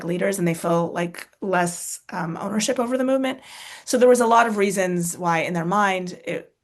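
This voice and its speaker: An American-born author and speaker, a woman with a fairly low voice, answers questions in a casual talk. She is thoughtful, using lots of fillers, restarts and tag questions.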